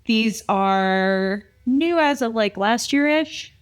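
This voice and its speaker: A woman co-hosting a drink tasting, chatting in a casual, rambling, jokey way with animated reactions. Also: a little high, slow pace. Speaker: host of a drink taste test. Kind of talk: casual unscripted banter while tasting drinks.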